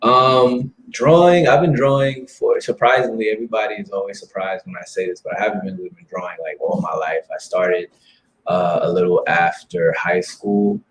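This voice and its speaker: A man in his thirties talking as a guest in a casual interview, relaxed and friendly and quick to laugh. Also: low-pitched, slight background noise, rough recording. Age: 30s. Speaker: guest comic creator.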